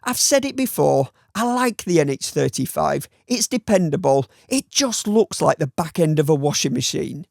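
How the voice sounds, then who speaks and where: Northern English male reviewer, voice-over read with a touch of fry, deadpan wry delivery, dead-dry booth sound. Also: fairly high pitch, moderate pace, few pauses, no echo. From Northern England. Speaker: watch reviewer.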